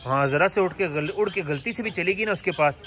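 This very noisy outdoor recording features a young pet and bird vlogger filming his animals in his home yard with pet cages, amid loud birdsong. Speaking briskly in a high-sitting voice, he chats playfully, scolding and coaxing the pets in a casual vlog style.

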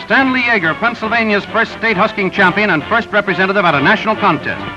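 With a clear music bed playing underneath, a high-voiced man narrates sports results in quick announcer cadence. The dull, lo-fi sound recreates an old 1930s cinema newsreel soundtrack.

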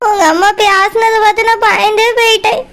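Here is a very high, squeaky cartoon girl who is young, in love and close to tears, voiced by a woman. She pleads in a thin, flat voice that barely rises or falls. Her words come out worried, as if she is always afraid of getting caught. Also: brisk. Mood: tearful. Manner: tearful, pleading. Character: young village woman in love, a student, fearful of strict parents. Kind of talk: cartoon voice acting.

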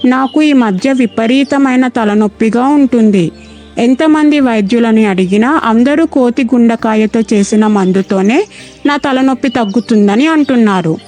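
A woman's voice: a little high, moderate pace, a little mellow, soft background music, voice pushed down, natural voice. A woman voicing a jealous, sulking female crocodile wife in a cartoon storybook, talking in a fretful, complaining way.

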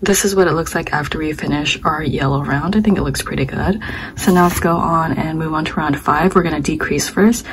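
A young woman, slightly hoarse, teaching a step-by-step crochet tutorial and counting her stitches aloud as she works. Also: low-pitched, fairly quick, noisy background. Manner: calm, talks while working, counts stitches aloud. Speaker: crochet instructor.

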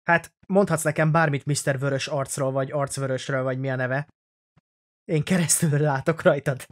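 A young man hosting a let's play, with jokey, sarcastic commentary that rambles from one aside to the next. His voice sits at an ordinary middle pitch for a man. He talks at the screen as he plays. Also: steady tone.

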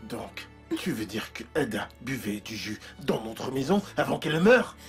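A man dubbing a controlling husband in a French film dub, soothing but insistent as he urges his wife to stay quiet. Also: medium pitch, big pitch swings, normal speed, soft background music, natural voice. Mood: alarmed. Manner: soothing yet pressing, insistent. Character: controlling husband hushing up a death.

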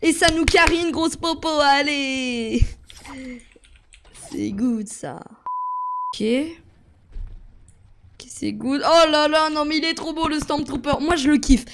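A young man giving excitable gameplay commentary as a YouTuber, jumping between yelps and muttering to himself. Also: very high-pitched, slow pace, pauses often, a little hiss or hum. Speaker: gaming YouTuber.

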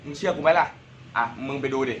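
A man's voice: medium pitch, quick pace, a bit bright, highs cut off, slight background noise. A young man hosting a casual Q&A vlog, joking and using crude slang. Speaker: vlogger.

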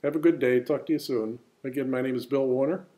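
A man's voice: mid-range voice, fairly even intonation, fast talker, warm tone. A man in a mid-range voice walks through business basics in a plain, folksy way, as if talking across a desk. He now and then pokes fun at himself and keeps it simple and unpolished. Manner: folksy, plain-spoken, self-deprecating. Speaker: business presenter. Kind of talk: informal marketing talk.

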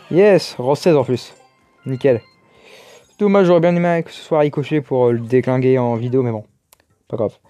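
A man's voice: mid-range voice, mellow. A man giving casual, chatty commentary over his own gameplay, exclaiming and muttering to himself as he plays. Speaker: gaming YouTuber.

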